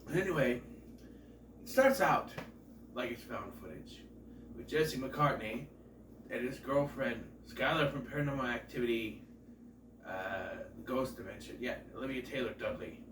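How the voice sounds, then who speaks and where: A medium-pitched man in his thirties with lively intonation and a measured pace reviews a film casually, his voice stuffed up from a cold. Chatty and joking, he wanders into asides and fixes his own words, captured from afar in a noisy, echoey room.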